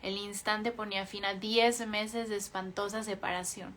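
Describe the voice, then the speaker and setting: A woman reading a book aloud for a book club, in a calm, measured way with small self-corrections. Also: medium pitch, a little hiss or hum.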